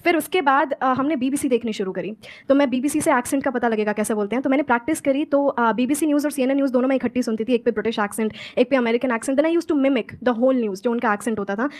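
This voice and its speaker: A woman in her twenties from Haryana, India, speaking earnestly as a guest motivational speaker at a live stage interview, mixing Hindi with crisp English phrases. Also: high-pitched, quick pace, darkish tone. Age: 20s. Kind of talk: stage interview answering audience questions.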